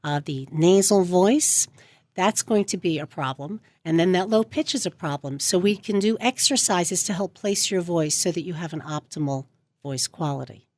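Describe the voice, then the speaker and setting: On a radio show in a studio, a middle-aged speech coach explains voice habits, demonstrating them with her own voice. She has a fairly low pitch and a slightly mellow tone, speaks at normal speed, and there's no room sound.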